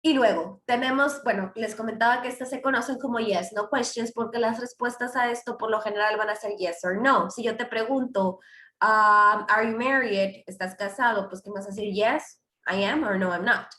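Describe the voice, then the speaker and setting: A woman's voice: fairly high pitch, normal speed, bright, forceful tone, reverberant. A woman teaching English grammar in a class, explaining with many fillers and English examples.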